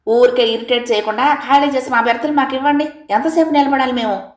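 A woman's voice: medium pitch, expressive, fairly quick, darkish tone, natural voice. A woman voicing an angry, shrewish wife who scolds and accuses, in an echoey room. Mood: shrill.

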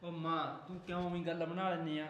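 A man's voice: fairly high pitch, level tone, fast talker, a bit bright, roomy sound, lightly acted. A young man from Punjab playing an easygoing husband who defends his wife, coaxing and placating. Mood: arguing. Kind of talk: amateur village drama acting.

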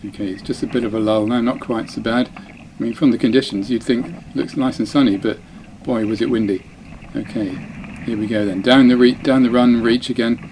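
The sailor talks a little fast and barely pauses, his mid-range voice steady against a noisy background. He's voicing over his own dinghy race footage, chatty and self-mocking, with lots of broken-off phrases.

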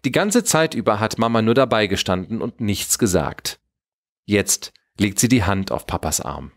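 A man narrating a German children's Christmas story in an expressive storybook manner. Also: fairly low pitch, moderate pace.

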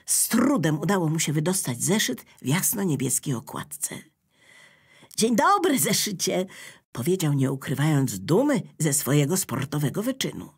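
A woman narrating a children's storybook in a slow, expressive way. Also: deep voice, breathy edge.

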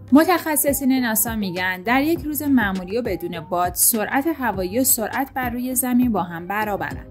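A woman reading a scripted science explainer in an even, read-aloud manner. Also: on the high side. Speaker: channel narrator.

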